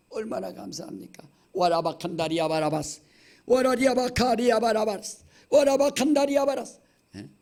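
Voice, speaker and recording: A middle-aged male pastor with a Chungcheong accent preaches in a church, emphatic and insistent, checking in with the congregation again and again. His voice sits high for a man and carries a gravelly fry. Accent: Chungcheong Korean. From Chungcheong, Korea. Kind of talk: sermon. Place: church sanctuary.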